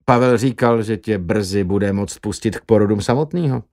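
A man's voice: on the low side, lightly acted. A man voicing a friendly male family member offering praise over dinner. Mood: approving. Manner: warm praise.

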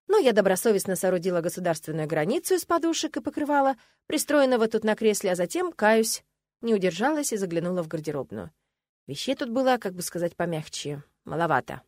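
A woman reads a fantasy novel aloud in the first person, with a wry, expressive storytelling manner. Her voice sits at an ordinary middle pitch and swings lively up and down. The recording is dry and close, with no room sound around her. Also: fast talker, dry recording. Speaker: audiobook narrator.

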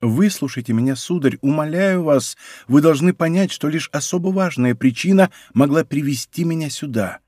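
A sorrowful young noble marquise, as a male reader puts her on, speaking softly with a faint bitter edge. The voice sits close and dry against a studio microphone, hushed rather than raised. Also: a little high, lively intonation, moderate pace, hardly any pauses, no echo. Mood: wistful. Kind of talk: audiobook character reading.

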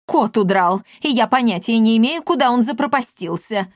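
A woman voicing a greedy, bossy old woman villain who screeches and shouts orders in a storybook reading. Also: on the high side, lively intonation, moderate pace, no echo, clean studio sound, close to an everyday voice. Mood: angry.

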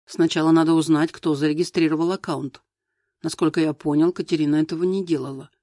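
Male reader as a weary passive husband, flat tired indifferent tone, storybook, dry sound. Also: a little high, quick pace, dry recording, close to an everyday voice.

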